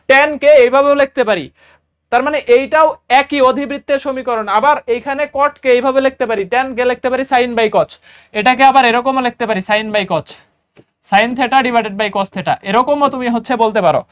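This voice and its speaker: A man's voice: extremely high pitch, fairly quick, a bit bright, clean tone. A man with a Bangladeshi Bengali accent teaching a casual exam-prep math lesson, repeating each step and quizzing his students. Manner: chatty, repeats key steps, asks students quiz questions. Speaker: math tutor.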